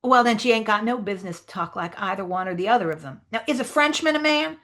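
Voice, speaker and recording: A woman reading aloud as a stubborn grown man who argues in dialect, in a lowered, indignant voice. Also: expressive, fast, a bit bright, lightly acted. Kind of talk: reading aloud a novel dialogue.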